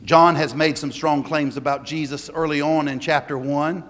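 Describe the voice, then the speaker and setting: Emphatic preaching man, fairly high voice. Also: steady tone, fairly bright tone, big-room sound. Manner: emphatic preaching with pauses and restarts. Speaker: pastor. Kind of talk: sermon.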